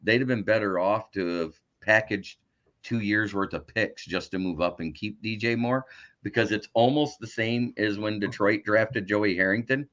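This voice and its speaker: A man's voice: lowish voice, normal speed, fairly bright tone, muffled recording. A man who is a guest on a sports podcast, chatting casually and opinionatedly about football. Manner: opinionated, breaks into mocking impressions.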